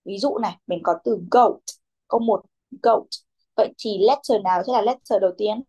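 A woman's voice: mid-range voice, normal speed, dark tone, muffled recording. A young woman teaching a children's English class, who calls on pupils by name, repeats their answers and mixes English words into her instructions.

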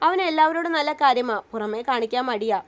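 Woman voicing a soft motherly mother-in-law, high voice. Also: fairly quick, close to an everyday voice. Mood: gentle. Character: kind middle-aged mother-in-law, gentle.

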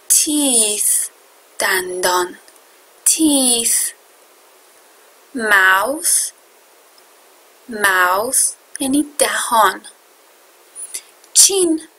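Female teacher, a bit high and breathy, repeat-after-me vocabulary drills. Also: fairly bright tone, rough recording. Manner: says each word slowly and clearly, then gives its meaning; stretches out key English words for learners to repeat. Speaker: English teacher.

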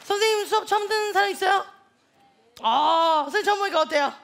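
On a TV comedy stage, a man puts on an extremely high, heavily acted voice with vocal fry to play a loud, bragging young woman who teaches online lectures. Speaking quickly, he teases the live crowd, and studio laughter and noise come through along with some chatter in the background.

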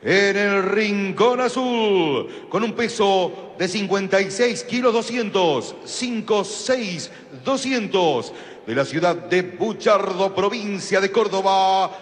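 Slow, high-pitched ring announcer, booming reverb. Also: male voice, animated. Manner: showy ring-announcer delivery with drawn-out names, like lucha libre. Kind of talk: formal fight introductions. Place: stadium, over the PA. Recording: long booming arena reverb.

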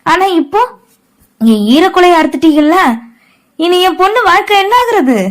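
A woman's voice: high voice, normal speed, pitched above the performer's own voice, lightly acted. A woman voicing a distraught middle-aged mother who wails and laments over her daughter. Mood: upset. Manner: wailing, lamenting.

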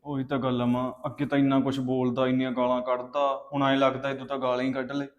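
A man playing a remorseful young son, flat-voiced. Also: medium pitch, fast, lightly acted. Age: young adult. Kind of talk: Punjabi web drama acting. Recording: dull recording with faint background noise.

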